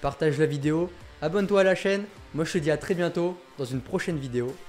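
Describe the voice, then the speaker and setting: An enthusiastic man hosts his own health video and speaks straight to his viewers. His voice sits fairly high, and faint guitar music runs underneath. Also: quick pace, a little mellow. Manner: enthusiastic, addresses viewers directly. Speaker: health YouTuber. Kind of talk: energetic video monologue.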